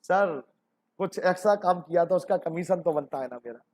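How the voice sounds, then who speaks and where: A man's voice: high-pitched, moderate pace, darkish tone, a little hiss or hum, pitched below the performer's own voice, lightly acted. A man playing a greedy male business partner who coaxes and pleads for his commission. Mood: demanding.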